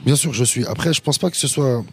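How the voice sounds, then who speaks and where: A man's voice: mid-range voice, quick pace, fairly bright tone, breathy edge. A man, a rapper, chatting loosely in an interview, with street slang and frequent restarts. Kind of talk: casual interview chat.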